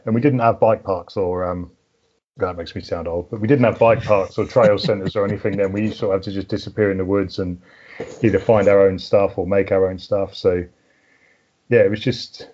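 Man, home counties southern English accent, low voice, casual interview chat, self-effacing, dull lo-fi recording. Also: a little mellow. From southern England. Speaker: podcast guest, mountain biker.

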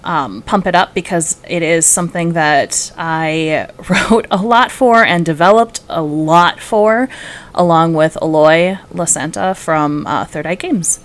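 A woman's voice: on the low side, unhurried. A woman chatting casually on a podcast as a panelist, informal and a little hesitant in her phrasing. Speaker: game writer and podcast panelist. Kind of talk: casual podcast chat, plugging own work.

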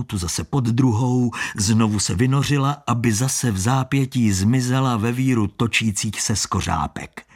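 A man narrating an audiobook story in an expressive, shifting storytelling manner. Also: lowish voice, breathy edge.

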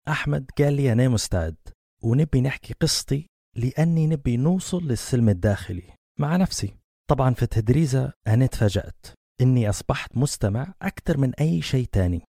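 A man's voice: mid-range voice, vocal fry, dark tone, no echo, studio quality. A Libyan man hosting a podcast, eager and given to musing aloud about his thoughts. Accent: Libyan Arabic. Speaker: podcast host. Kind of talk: casual podcast conversation.

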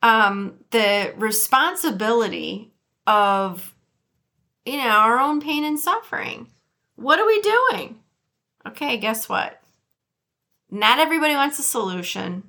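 Woman, Detroit Midwestern accent, podcast host, casual talk, slightly high voice, unhurried, chatty. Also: lively intonation, bright, forceful tone. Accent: Midwestern American (Detroit). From Detroit area, USA. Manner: chatty, laughs often, speaks to listeners as "guys".

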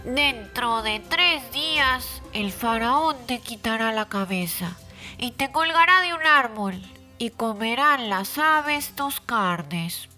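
A woman voicing a calm young man who interprets dreams, speaking in slow, solemn pronouncements. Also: a little high, faint music behind, full character voice.

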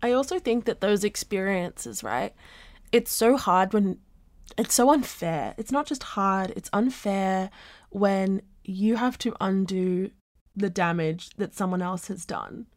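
A young woman hosting a podcast, speaking in a reflective, earnest way with drawn-out phrases. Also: mid-range voice, no echo, clean studio sound. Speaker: podcast host. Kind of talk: casual podcast conversation.

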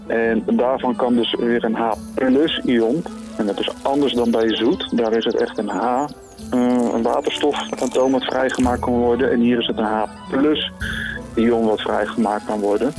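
A man explains science in a patient, plain way and pauses with small fillers. Faint music sits low behind him. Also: steady tone, darkish tone, rough recording. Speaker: science expert. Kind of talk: explaining chemistry casually.

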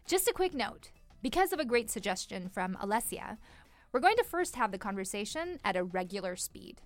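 A woman's voice: medium pitch, big pitch swings, a little fast, dry recording, soft background music. A woman co-hosting a language lesson, conversational and explanatory in her delivery. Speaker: Urdu lesson podcast host. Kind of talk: casual co-hosted language lesson.

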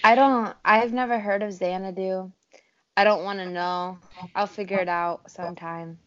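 A woman's voice: medium pitch, fairly even intonation, normal speed, fairly bright tone. A young woman in a casual group chat, telling a self-deprecating story full of "like.". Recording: dull lo-fi recording.

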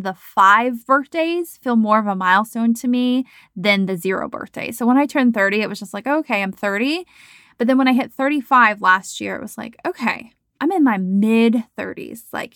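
A woman in her thirties talks through her podcast as a coach, with a fairly high voice. She's chatty and encouraging, peppering her talk with "like" and "you know." The recording is close and dry, with no room sound. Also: a bit bright, no room sound. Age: 30s. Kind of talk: casual podcast monologue.

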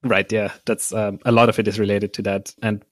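A man's voice: fairly low pitch, brisk, no echo. A man from Austria, a podcast guest, chatting casually with frequent laughs and fillers. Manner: relaxed, laughs often, many fillers. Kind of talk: casual interview conversation.

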